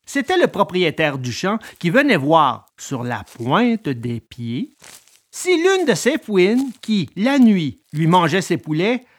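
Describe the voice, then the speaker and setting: A woman reading a children's story aloud in an expressive, dramatic manner. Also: fairly low pitch, slow.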